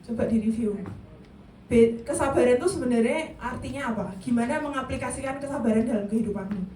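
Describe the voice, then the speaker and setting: A woman's voice: a little high, fast talker, distant mic. A woman giving an interactive youth sermon, questioning her listeners directly and mixing in English. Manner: lively, questions the audience directly. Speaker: youth service speaker. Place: church meeting room. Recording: echoey room, voice from afar, faint hiss.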